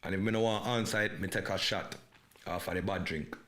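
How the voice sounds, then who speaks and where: A man's voice: low voice, fairly even intonation, fairly quick, a bit bright. An English-born man with a Jamaican Patois-inflected English accent, hosting a live podcast in an emphatic, repetitive monologue that mixes in patois slang. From England. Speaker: podcast host.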